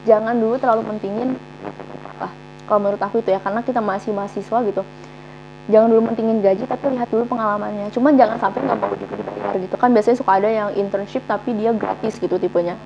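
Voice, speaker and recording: A woman's voice: medium pitch, steady tone, fast talker, gravelly. A young woman chatting as a guest, easygoing and full of fillers, with muffled sound. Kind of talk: casual chat. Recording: dull muffled sound, faint hum.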